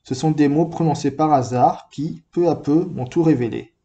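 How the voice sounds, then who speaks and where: A man reading a book aloud in a calm, measured first-person narration. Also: a little high, dull audio. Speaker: reader.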